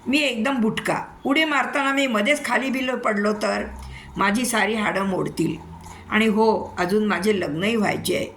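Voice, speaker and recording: A woman's voice: mid-range voice, moderate pace, a bit bright, slight background noise, lightly acted. A woman reading a story, voicing a comic, timid young male train driver making silly excuses. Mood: fretful.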